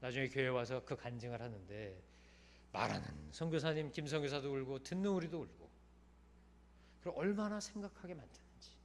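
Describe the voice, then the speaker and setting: A man preaching a Sunday sermon as a pastor, telling a story in a colloquial, emphatic way that swings from loud stresses to soft, trailing phrase ends. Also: mid-range voice, lively intonation, brisk, a little hiss or hum.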